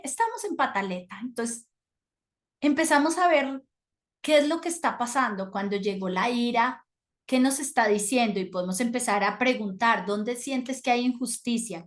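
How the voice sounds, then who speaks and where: Woman, middle-aged, parenting coach; gentle reflective delivery, slightly high voice. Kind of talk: talk to mothers with slides.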